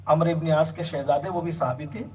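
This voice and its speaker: Fairly high-voiced man preaching a sermon. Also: fairly even intonation, a little hiss or hum. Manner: emphatic, builds long repeated lists. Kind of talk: religious sermon. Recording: distant, dull lo-fi sound.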